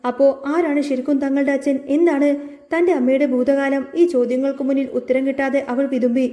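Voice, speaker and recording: A woman narrates a serial episode as a dramatic story. Her voice is high and mellow. She talks fast, in a room with a noticeable echo. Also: fairly even intonation. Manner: rapid dramatic retelling. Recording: echoey room.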